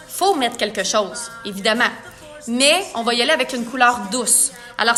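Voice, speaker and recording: Soft music plays faintly under a high, bright-toned woman with a Quebec French accent, a makeup artist talking viewers through her makeup live. Chatty and playful, she often reads comments aloud.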